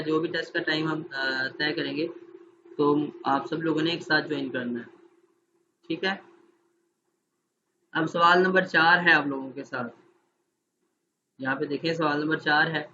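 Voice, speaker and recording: A man's voice: on the high side, bright, forceful tone, lo-fi sound, slight background noise. A man training teachers in an online class, explaining steps patiently and often checking that his listeners follow.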